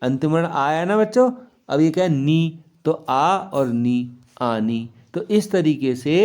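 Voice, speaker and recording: A man's voice: fairly high pitch, warm tone. A man teaching children a grammar lesson, asking questions and answering them himself, repeating key words and checking if they follow.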